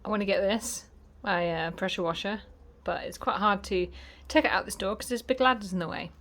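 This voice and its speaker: A woman's voice: medium pitch, brisk, a bit bright, low-quality recording. A woman chatting practically through a DIY vlog as she works on her garden deck, with self-deprecating asides. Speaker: DIY vlogger. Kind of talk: casual vlog narration while working.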